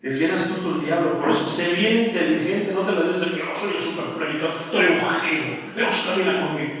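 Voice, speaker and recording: Casting: Mexican male pastor, slightly high voice, emphatic colloquial sermon, heard from afar in a church hall. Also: a little fast, fairly bright tone. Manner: emphatic, colloquial preaching, addresses listeners as brother. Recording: echoey church hall from far off.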